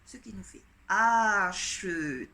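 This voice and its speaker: A woman's voice: medium pitch, animated, takes it slowly, bright, forceful tone, slight background noise. A woman primary school teacher giving a dictation lesson to children, patiently spelling out each letter and pen stroke step by step. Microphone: home recording for an online class.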